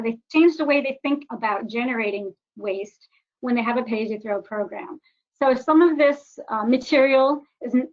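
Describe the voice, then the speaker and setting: A woman giving a webinar presentation with data slides, often hesitating with ums and restarts, her voice warbly over a computer connection. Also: a little high. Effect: warbly voice through a computer connection. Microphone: computer microphone. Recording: dull, lo-fi computer audio.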